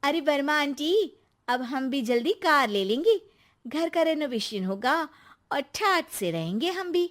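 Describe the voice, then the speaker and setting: Brief: a woman playing a cheerful young daughter-in-law who brags, high voice. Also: animated, measured pace, a bit bright. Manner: chatty, bragging.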